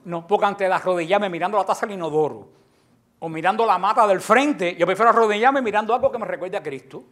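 Male preacher, high pitch; emphatic, sarcastic, rhetorical questions to the congregation. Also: fast talker, a bit bright. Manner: emphatic, mocking, asks the audience questions. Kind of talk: sermon.

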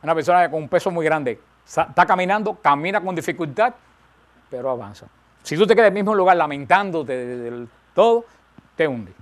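A man's voice: fairly high pitch, expressive, a little fast. A man preaching a sermon, emphatic, rising and falling, repeating phrases for stress.

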